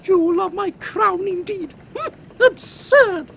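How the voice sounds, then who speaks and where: A woman's voice: extremely high pitch, slow pace, gravelly, fairly bright tone, full character voice. A woman playing an imperious, eccentric elderly British queen with an upper-class accent in a comic audio drama, pompous and exclamatory. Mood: indignant. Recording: faint background noise.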